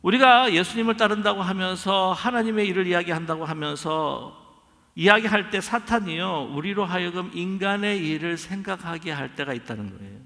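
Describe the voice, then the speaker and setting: A man's voice: high-pitched, lively intonation, normal speed, sharp tone, big-room sound. A man preaching a sermon as pastor, emphatic and acting out quoted lines. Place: church sanctuary.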